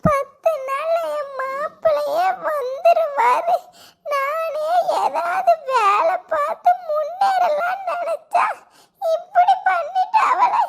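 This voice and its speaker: A squeaky wailing cartoon aunt. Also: quick pace, vocal fry, long pauses, darkish tone. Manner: wailing and sobbing while talking. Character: crying young aunt, woman, self-pitying. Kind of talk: cartoon voice acting.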